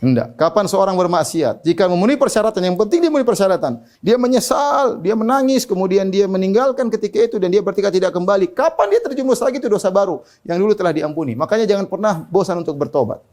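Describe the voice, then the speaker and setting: A man preaching a sermon, dropping low for quoted voices and rising high for emphasis. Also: fast talker, few pauses. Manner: animated, pitch swinging between low quoted voices and high emphatic lines.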